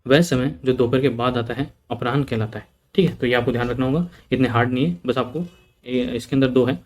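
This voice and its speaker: A man's voice: medium pitch, darkish tone. A man teaching an exam prep lesson, repeating word lists and checking in with "okay" often. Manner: repeats points with frequent "ठीक है" checks; mixes English terms into Hindi explanation.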